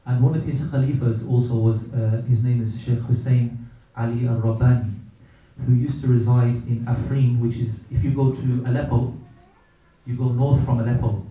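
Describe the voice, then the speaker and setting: Man, middle-aged, very dark mellow voice, reverent, hesitant, reflective religious talk, very echoey room, distant mic. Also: mid-range voice, flat delivery. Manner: gentle, reverent, hesitant with many pauses and fillers. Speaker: speaker sharing personal experience.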